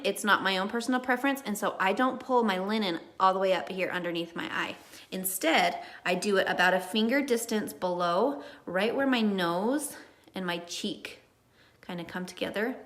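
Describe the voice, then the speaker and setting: A woman who works as a makeup artist gives a live makeup tutorial in a chatty, reassuring way, wandering onto little tangents and murmuring soft asides under her breath. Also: medium pitch.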